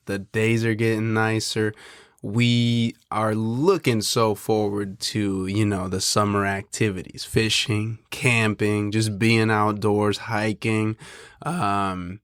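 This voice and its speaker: A young man from the Pacific Northwest hosting a casual podcast, talking in a relaxed, rambling way with a nasal, stuffed-up voice. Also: lowish voice, smooth, no echo, studio quality. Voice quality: nasal from allergies. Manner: relaxed, rambling, drawn-out delivery. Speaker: podcast host.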